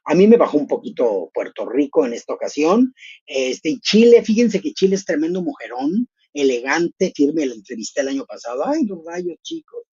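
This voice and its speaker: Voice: medium pitch, normal speed, slightly rough, no echo, highs cut off. A middle-aged host, giving chatty live commentary on a beauty pageant and talking straight to viewers. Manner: expressive, chatty, addresses viewers directly.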